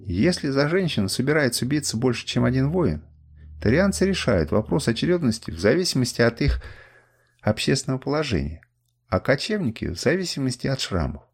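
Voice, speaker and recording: A male audiobook reader tells a first-person story with a husky voice. His pitch rises and falls expressively through the narration. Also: very animated, fairly quick.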